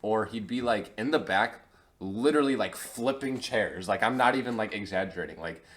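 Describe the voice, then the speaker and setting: A man's voice: lowish voice, moderate pace. A young man chatting casually on a podcast, drawling through anecdotes with plenty of "like" and "dude". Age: young adult. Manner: laid-back, drawling anecdotes full of "like" and "dude". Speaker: podcast guest. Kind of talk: casual chat.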